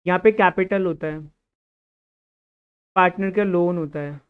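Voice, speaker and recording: Measured and smooth, a high-voiced man lectures on accounting by raising questions and supplying the answers. He also reprimands a student, and the classroom audio is tinny and phone-like.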